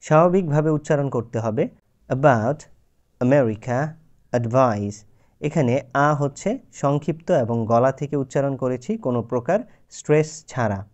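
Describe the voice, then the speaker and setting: A man's voice: fairly high pitch, a little mellow. A man teaching English pronunciation in a YouTube lesson, explaining patiently and drawing out his example words.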